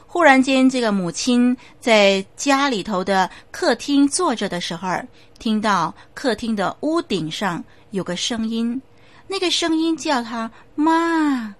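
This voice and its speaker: Woman preaching a measured sermon. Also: medium pitch. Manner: measured, emphatic, with fillers. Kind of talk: sermon with storytelling.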